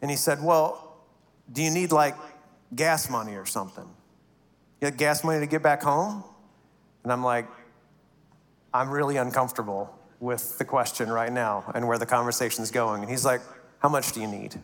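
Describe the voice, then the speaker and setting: A man's voice: medium pitch, moderate pace, long pauses, fairly bright tone. A middle-aged male pastor telling a story in his sermon, acting out the voices of the people in it. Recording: reverberant hall.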